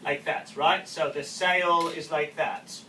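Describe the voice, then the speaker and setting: A woman tutoring a child in phonics, patiently drilling the same sounds over and over. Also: low voice. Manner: slow, patient, repetitive drilling. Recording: echoey room, distant mic, steady background noise.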